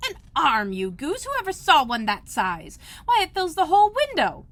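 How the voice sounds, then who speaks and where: Woman doing a bossy storybook rabbit, shrill and scolding, big loud swoops. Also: huge pitch swings, moderate pace, exaggerated voice. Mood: angry. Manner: shrill, scolding, shouting orders.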